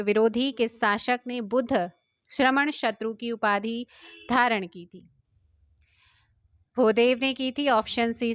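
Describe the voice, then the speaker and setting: A woman teacher with an Indian Hindi accent, running a quick quiz-style exam prep lesson, reading questions and answers and urging viewers to comment. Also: fairly high pitch, a bit bright, clear, resonant tone, no room sound, clean studio sound. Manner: brisk, quizzing viewers and urging them to comment.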